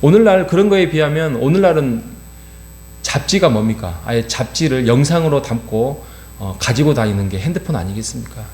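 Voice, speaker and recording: A man's voice: medium pitch, expressive, brisk, a little mellow. A middle-aged man preaching an early-morning sermon in a church, earnest, with many fillers and rhetorical questions. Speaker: pastor. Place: church sanctuary. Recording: roomy church sound with faint hum.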